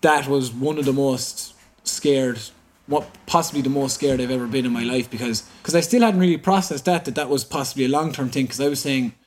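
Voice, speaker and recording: A man's voice: mid-range voice, fairly quick, few pauses, a little hiss or hum. An Irish man, an interview guest, recounting a personal story in conversation and acting out what people said. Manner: animated, quotes dialogue as he recounts.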